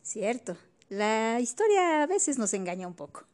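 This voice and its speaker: A woman's voice: on the high side, big pitch swings, measured pace, darkish tone. A woman, co-hosting a casual history chat and chiming in with questions and wry jokes. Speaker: podcast co-host.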